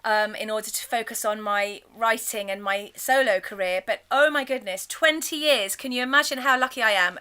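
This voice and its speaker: A middle-aged woman leading a choir course, chatting warmly and breaking into sung demonstrations. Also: a little high, smooth. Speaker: choir leader teaching a course. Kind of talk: enthusiastic spoken lesson with sung demonstrations.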